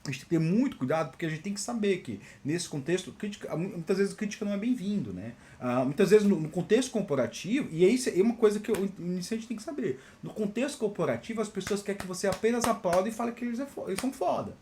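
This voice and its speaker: A Brazilian man, a software engineer and channel host, tells work stories in a casual monologue and often adds a quick "né?". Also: high-pitched, slight background noise. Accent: Brazilian Portuguese. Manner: animated, peppers talk with "né?".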